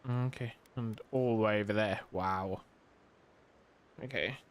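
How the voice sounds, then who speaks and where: A man's voice: on the low side, a little slow, slight background noise. A man giving casual commentary while playing a game, reading menu text aloud and muttering to himself. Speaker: gaming video host.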